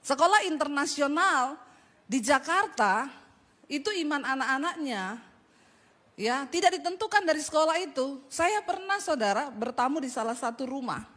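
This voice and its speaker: A middle-aged woman pastor, preaching a sermon with animated storytelling. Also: sits high, normal speed, in a large hall. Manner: animated storytelling, acting out voices.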